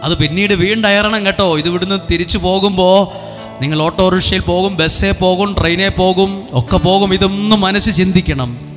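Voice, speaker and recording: A man with a high, bright voice preaches at a retreat, repeating phrases and urging the crowd to answer him. His voice rings through a reverberant hall. Soft music plays underneath. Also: moderate pace. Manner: repetitive, coaxing, leads the crowd in responses. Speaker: priest leading a retreat. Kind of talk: revival sermon with call and response.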